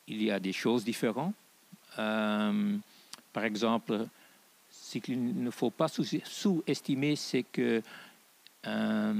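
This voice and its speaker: A middle-aged man speaks French with a foreign, Flemish accent. His delivery is slow and halting, with a gravelly creak, as he talks unscripted on a panel. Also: mid-range voice, a little mellow. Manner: halting, deliberate non-native phrasing. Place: large auditorium stage. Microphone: handheld microphone.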